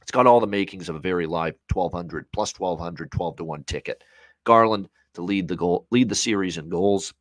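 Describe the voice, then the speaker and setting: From a small home room on a video call, a man in his thirties from near Hamilton, Ontario, Canada, gives rambling, conversational sports betting analysis and repeats phrases to drive points home. His low voice keeps a moderate pace, with no echo.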